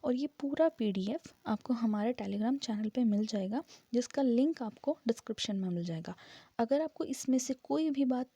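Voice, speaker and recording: A woman giving a casual spoken grammar lesson, explaining step by step and slowly spelling out syllables. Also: a little high, lively intonation, mellow, husky, dry recording. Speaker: English grammar teacher.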